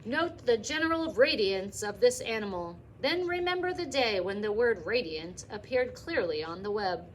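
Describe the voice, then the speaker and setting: A woman voicing a pompous male announcer at a county fair, speaking formally and grandly over a loudspeaker. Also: mid-range voice, expressive, normal speed, a little hiss or hum, natural voice, poor audio. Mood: grandiose.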